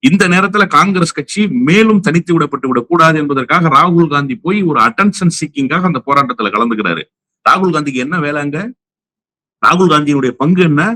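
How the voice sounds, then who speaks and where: A man's voice: a little high, pushed and bright, no room sound. A man with a Tamil accent giving heated political commentary as an interview guest, combative and firing rhetorical questions.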